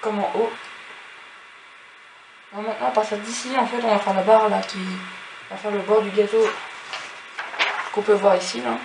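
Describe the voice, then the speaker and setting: A man's voice: high voice, little pitch movement, normal speed, gravelly, long pauses. A man with a cold, sniffling as he explains a drawing tutorial step by step and counts squares aloud with lots of fillers. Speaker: tutorial host. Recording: echoey room with background noise.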